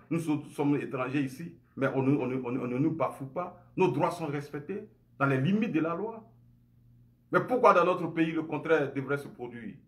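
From a room at home, an Ivorian online commentator in his forties speaks emphatically and indignantly straight into his phone camera, with an Ivorian French accent. His voice is high for a man and a bit bright. The impassioned monologue is full of rhetorical questions.

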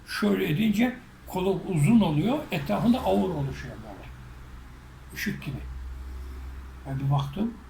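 A man, a spiritual teacher, recounting a personal story in an animated way and acting out the shouts and quotes in it. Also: sits high, moderate pace, vocal fry, pauses often. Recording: echoey room with faint noise.

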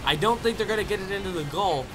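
A man's voice: high voice, animated, quick pace, music in the background. A man co-commentating a video game match in easygoing, casual play-by-play. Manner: laughs often, easygoing.

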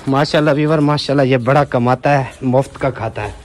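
This is a casual vlog from a village house, inside and outside, where a man with a Pakistani accent directs helpers moving things with playful, bossy commands. His mid-range voice holds a steady tone and moves fairly quickly.

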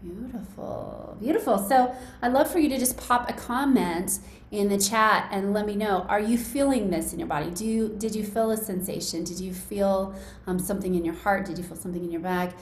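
A woman's voice: medium pitch, a little fast. A woman hosting a casual, encouraging live demonstration for a group on a video call, chatty and addressing listeners directly. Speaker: host demonstrating a wellness device to an online group. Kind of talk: casual enthusiastic live demo, with calm guided relaxation. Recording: roomy echoing video call with faint noise.

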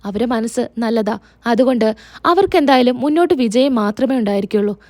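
A woman's voice: fairly high pitch, animated, brisk, darkish tone, no room sound. Woman retelling a soap story. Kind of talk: retelling a TV serial episode.

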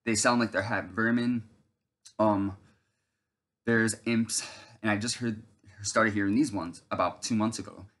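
A man's voice: on the low side, steady tone, unhurried, pauses often. A man in his thirties giving a rambling, earnest religious testimony, with many fillers and restarts. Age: 30s. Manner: breaks off to shout at someone off camera. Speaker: video testifier.

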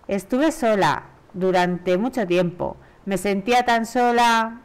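A woman with a Spain Spanish accent reading aloud the lines of a sweet, lovesick female cartoon mouse from a video game, slowly and gently. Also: mid-range voice, clear, resonant tone, natural voice. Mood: wistful.

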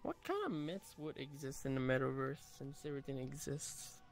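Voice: mid-range voice, normal speed, faint music behind. A friend chatting casually while gaming, joking and drawing words out.

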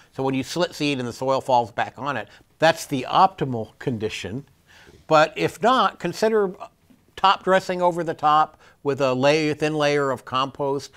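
A middle-aged man, a turfgrass specialist explaining things step by step to camera on a lapel mic in a studio. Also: medium pitch. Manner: plain-spoken, practical, explains step by step with restarts. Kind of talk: explanatory extension talk to camera. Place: indoor studio set.

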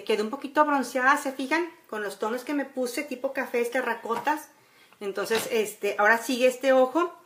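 Her voice sits a little high with a fairly bright tone as she chats viewers through a laid-back makeup tutorial. She's a Mexican-accented woman in her forties, indoors in a room at home by a window, teaching chattily and checking in often with tags.

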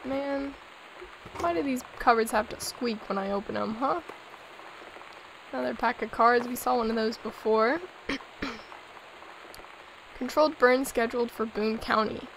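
A hoarse, sick young woman hosting a let's play, chatting and giggling as she reads in-game notes aloud. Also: on the high side, measured pace, long pauses, a bit bright, slight background noise, poor audio. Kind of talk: casual gameplay commentary.

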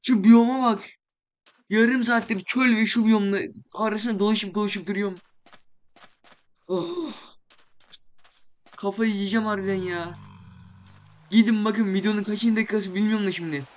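Young man, high-pitched, exasperated gaming commentary, casual swearing, rain sounds behind. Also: fairly even intonation, fairly quick. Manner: exasperated, complaining, talks to himself and the game animals; swears casually, exclaims loudly. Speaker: gaming channel host. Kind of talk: Minecraft let's play commentary.

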